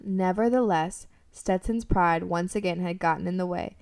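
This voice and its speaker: A woman with a fairly low, darkish voice narrates a scripted story for an amateur radio drama at a moderate pace. She reads in a room, standing a little away from the microphone, so the sound is roomy and slightly distant.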